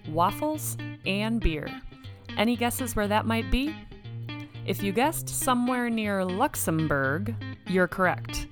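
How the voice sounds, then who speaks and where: Woman hosting an interview podcast. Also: mid-range voice. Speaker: podcast host, former pro basketball player. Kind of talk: scripted podcast introduction and interview.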